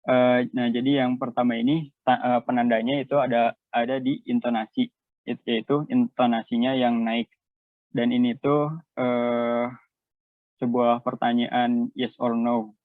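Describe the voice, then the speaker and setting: A man's voice: medium pitch, little pitch movement, unhurried, no echo. A young man with an Indonesian accent giving a class presentation, hesitant with many fillers and switching between two languages. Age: young adult. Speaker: student presenter. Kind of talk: class presentation, reading notes and explaining. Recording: tinny dry phone-like call audio.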